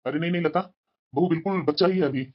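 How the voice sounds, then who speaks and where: Man doing a kind cartoon father, patient, lecturing, quick, dull lo-fi audio. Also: on the high side, lightly acted. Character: kind middle-aged father, gentle elder brother. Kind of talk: cartoon dubbing. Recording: dull lo-fi sound.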